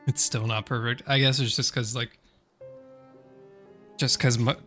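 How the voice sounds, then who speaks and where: A man's voice: mid-range voice, level tone, measured pace, sharp tone, faint music behind. A man with a slightly sore throat chatting casually on a gaming stream, rambling and correcting himself with many fillers.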